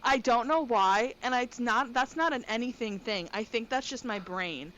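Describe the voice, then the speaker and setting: A woman co-hosting a casual podcast chat from her bedroom, talking quickly and excitably. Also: fairly high pitch. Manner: fast, excitable talker. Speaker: podcast co-host. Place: bedroom at home. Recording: dull lo-fi with faint noise.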